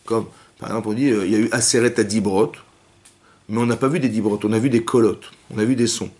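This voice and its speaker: Animated man teaching a class. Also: lowish voice, fast. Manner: animated, asks questions, acts out cries and quotes. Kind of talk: lively torah class, questioning students. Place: synagogue hall with young women students.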